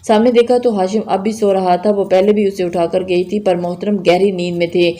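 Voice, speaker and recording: A woman reads a romantic novel aloud in a calm, even storytelling manner. Her voice sits at a middle pitch, and the reading is steady. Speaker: novel reader.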